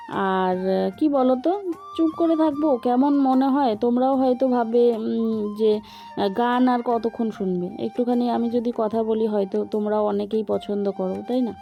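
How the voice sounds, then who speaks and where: A middle-aged woman, talking viewers through her cooking step by step in a chatty voice-over. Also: on the high side. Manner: talkative, explains each step to viewers. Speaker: vlogger. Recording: dull lo-fi voice-over with background music.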